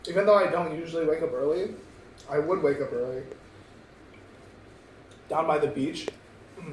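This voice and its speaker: A young man with a fairly high voice answers questions between bites of food, humming "mm" as he thinks. He sounds a little distant from the mic, in an echoey room with faint background noise. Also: moderate pace. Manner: eats while talking, hums "mm" between thoughts. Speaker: vlog host answering questions. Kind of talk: casual chat while eating. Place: indoors at a meal.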